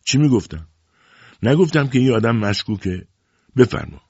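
A man voicing a boastful, meddling middle-aged village man who talks loudly and excitedly. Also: mid-range voice, vocal fry, husky, no room sound, pitched above the performer's own voice, exaggerated voice. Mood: excited, pushy. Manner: loud, excitable, self-assured. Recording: dull lo-fi recording.

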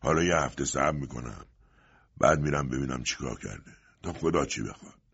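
A man voicing an old merchant father who talks in a low, heavy, resigned way, in an audiobook. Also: breathy edge, highs cut off, full character voice. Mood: despairing. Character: old weary merchant father, despairing and quiet.

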